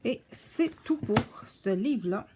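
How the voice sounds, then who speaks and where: A woman casually showing her coloring books, soft-spoken and stumbling over English titles. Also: on the high side, lively intonation, a little slow, background noise. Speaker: coloring book vlogger. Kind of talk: casual show-and-tell chat.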